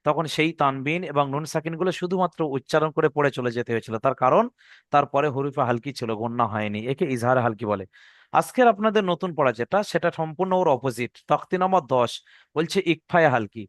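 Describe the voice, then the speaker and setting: একজন পুরুষ শিক্ষক, ধৈর্য ধরে বারবার নিয়ম বুঝিয়ে দেন এবং অক্ষরের নাম টেনে টেনে সুর করে বলেন।. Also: male voice, a little high, fairly bright tone, no room sound, studio quality. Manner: patient, repeats rules slowly, drawn-out chanted letter names. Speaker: Quran reading teacher. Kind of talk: classroom lesson recitation.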